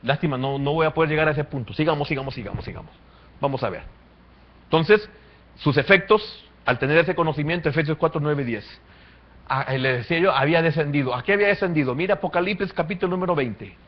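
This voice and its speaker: A man preaching a sermon as pastor, swinging from quiet to loud. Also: on the high side, quick pace. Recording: muffled lo-fi church recording.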